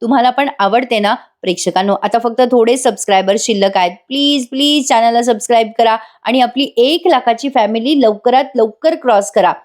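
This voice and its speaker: Here is a chatty woman telling viewers what happened in the latest serial episode. She talks to her audience directly and plays up the drama as she goes. Her voice sits fairly high. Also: fairly quick, few pauses, a little mellow. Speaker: TV serial reviewer. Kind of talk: chatty voice-over episode recap.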